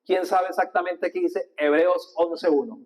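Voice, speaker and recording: A male priest giving a lively sermon with a handheld mic, coaching the congregation to repeat verses and gestures. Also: sits high, a little slow, poor audio. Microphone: handheld microphone.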